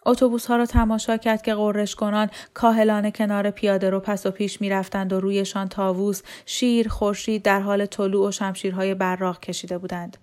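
Woman narrating a novel in steady tones. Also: mid-range voice. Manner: steady, measured reading. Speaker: storyteller.

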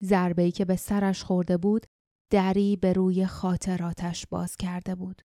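A woman reading a fantasy audiobook in steady, measured narration. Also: lowish voice, no echo, clean studio sound.

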